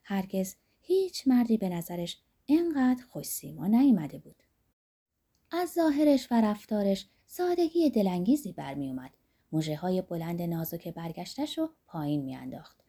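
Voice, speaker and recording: A woman reads a novel aloud with lively, wide swings of pitch, sometimes sinking almost to a whisper. Her voice is mellow and slightly husky. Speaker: narrator. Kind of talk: scripted audiobook narration.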